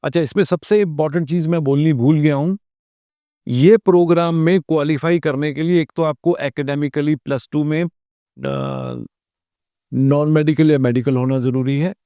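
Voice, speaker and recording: A man, working as a study abroad consultant, giving a measured, explanatory talk with frequent fillers. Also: a little high, lively intonation, dark tone, clean tone, dry recording, studio quality. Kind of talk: informational talk to camera, mixing Hindi and English.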